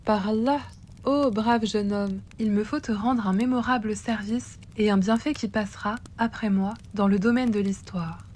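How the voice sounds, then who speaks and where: A resolute, compassionate king, voiced by a woman narrator, speaks in a solemn and measured way. His voice sits in a plain mid-range, as in a storybook reading. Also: mid-range voice, fairly even intonation, a little mellow, a little hiss or hum, lightly acted.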